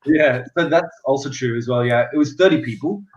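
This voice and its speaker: Fast-talking young Australian man, echoey. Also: mid-range voice, slight background noise. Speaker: guest. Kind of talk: casual chat. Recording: echoey, distant, dull sound.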